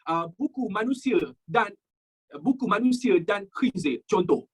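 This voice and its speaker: A woman with a Malaysian accent, teaching a history lesson and going through exam practice questions. She quizzes her students in a lively way and drops English words into her talk. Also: mid-range voice, measured pace, husky.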